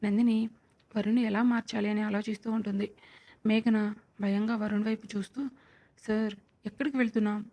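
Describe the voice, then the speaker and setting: Woman narrating a story in an even voice. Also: mid-range voice, brisk, long pauses. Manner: steady, even reading. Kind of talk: read-aloud story narration.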